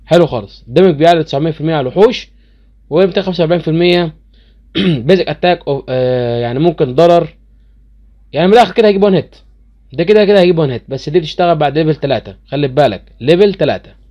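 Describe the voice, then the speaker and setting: An Egyptian man who hosts a gaming channel rattles off casual commentary explaining a game's skills, speaking in an Egyptian Arabic accent. His voice is fairly high and dark, with the highs cut off. Chatty and easily incredulous, he addresses viewers directly.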